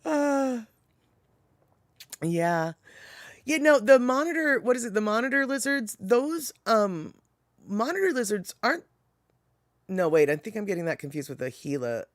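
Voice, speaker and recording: An American live-stream host with a mid-range, animated voice chats casually with viewers at a measured pace, leaving long pauses. They read viewer chat, ramble, correct themselves and laugh at their own remarks. The recording is dry with clean studio sound.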